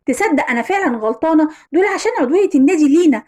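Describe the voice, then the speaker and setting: A woman's voice: high-pitched, lively intonation, racing, darkish tone. A woman with an Egyptian accent voicing an indulgent wife and mother who coaxes her husband.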